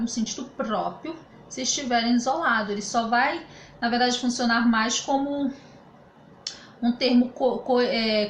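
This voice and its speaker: A Brazilian woman teacher giving a remote grammar lesson, explaining patiently and often checking that students follow. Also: a little high. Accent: Brazilian Portuguese. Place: home room during quarantine. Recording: echoey room with faint ambient noise.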